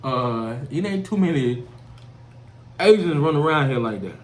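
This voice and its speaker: A man's voice: on the high side, expressive, moderate pace. A young man, hosting a casual chat in loose, joking slang. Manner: laid-back slangy talk, loose and joking. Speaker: podcast host. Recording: echoey room, off-mic, faint hiss.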